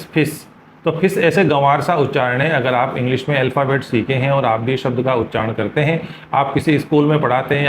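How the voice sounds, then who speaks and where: A man's voice: fairly high pitch, slight background noise, low-quality recording. A man teaching English pronunciation in a video lesson, spelling words letter by letter and insistently drilling repetitions. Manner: emphatic, insistent correcting tone.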